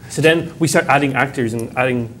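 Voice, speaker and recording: A man talking fast and eagerly in a TV studio panel, piling on ideas. His voice sits at an ordinary pitch. A faint noise hums underneath. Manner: eager, quick agreeing interjections. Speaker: show director. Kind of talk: casual studio discussion. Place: TV studio set.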